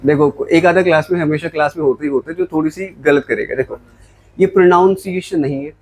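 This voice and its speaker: A man's voice: fairly high pitch, fast, a little mellow, a little hiss or hum, poor audio. A man teaching English words in a classroom lecture, mixing Hindi with English and asking and answering his own questions. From Jammu, India.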